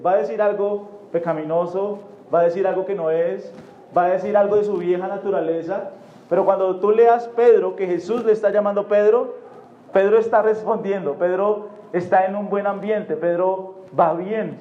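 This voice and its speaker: A man's voice: high voice, echoey room, muffled recording. A man preaching a sermon in a church, explaining Bible passages and often checking that the congregation understands.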